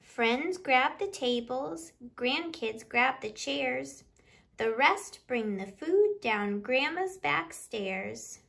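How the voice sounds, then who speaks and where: For a children's storytime, a library host in her thirties reads a picture book aloud to young listeners from a small living room by a window, a few feet from the camera. Her high voice is animated, creaky and fairly bright, and she draws her words out.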